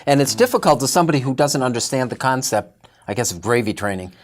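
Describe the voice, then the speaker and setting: A man's voice: medium pitch, expressive, fast talker, a little hiss or hum. A man hosting a sports talk radio show who prompts his guests in an easygoing way.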